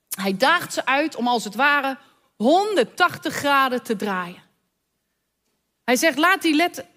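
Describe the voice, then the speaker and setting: A woman preaching a sermon, retelling a story with dramatic pauses and emphatic calls. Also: on the high side, a bit bright.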